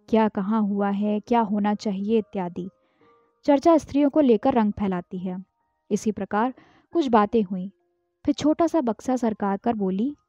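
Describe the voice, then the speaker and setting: A woman who narrates a short story in a measured, even reading, recorded dull, dry and lo-fi. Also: medium pitch, dry recording. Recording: dull, dry, lo-fi with faint music. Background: faint background music.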